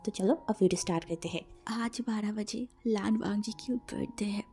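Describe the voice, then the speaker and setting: Speaking at a normal pace in a mid-range voice, this Indian woman narrates fan fiction casually, much as a channel host chats with followers. Her tone is mellow but gravelly, roughened by a sore throat from a cold. Music runs beneath her words, and she repeats some of them for emphasis.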